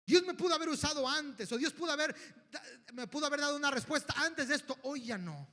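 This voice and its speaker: A man with a Mexican Spanish accent preaching a sermon in a church hall, pleading and building to shouted exhortation. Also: very high-pitched, expressive, quick pace. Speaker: pastor. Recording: long hall reverb.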